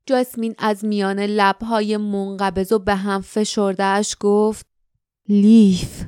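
A woman narrating an audiobook in a steady, literary storytelling manner. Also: mid-range voice, clear, resonant tone, no room sound, clean studio sound. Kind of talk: scripted narration.

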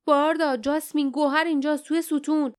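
A woman voicing a brave, stubborn young male hero in an audiobook, shouting urgently. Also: high-pitched, steady tone, voice pushed up, close to an everyday voice.

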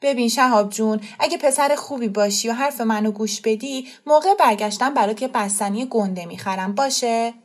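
A woman's voice: high-pitched, very animated, hardly any pauses, darkish tone, voice pushed up. A woman reading an audiobook, voicing a cheerful young woman who coaxes a small boy in a sweet, persuasive way. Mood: coaxing.

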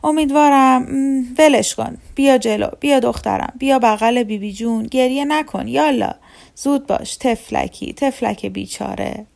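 Woman reader doing a large fussy old woman, high-pitched, coaxing, doting and complaining, storybook reading. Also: gravelly, darkish tone. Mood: fussing. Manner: fussy, coaxing, complains about her back.

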